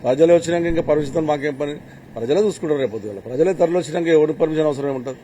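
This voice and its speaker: Emphatic older man, fast, mellow voice. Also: on the high side. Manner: emphatic, repeats points, rhetorical questions. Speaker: MLA interviewed by a reporter. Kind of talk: interview answers on camera. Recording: faint ambient noise.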